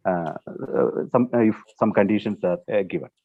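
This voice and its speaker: Phone-like, lowish man, hesitant. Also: normal speed, no room sound. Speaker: guest lecturer answering questions. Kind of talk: halting explanatory answers. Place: online conference call, dry sound. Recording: thin, phone-like online call audio.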